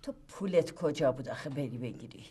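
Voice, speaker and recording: An actress playing a tired, sharp-tongued middle-aged mother who scolds and teases her son. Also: very deep voice, lively intonation, breathy edge, heavily acted. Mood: scolding. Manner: scolding and teasing. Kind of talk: sitcom acting.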